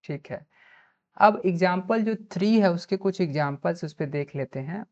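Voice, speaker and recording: Woman, Bihari Hindi accent, online grammar teacher, low voice, spells letters one at a time, dull lo-fi recording. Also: dark tone. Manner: slow, spells out letters one by one, asks and answers her own questions. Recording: dull lo-fi sound.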